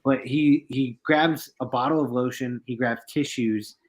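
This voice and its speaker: A man in a relaxed, profane casual podcast chat. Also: medium pitch, unhurried.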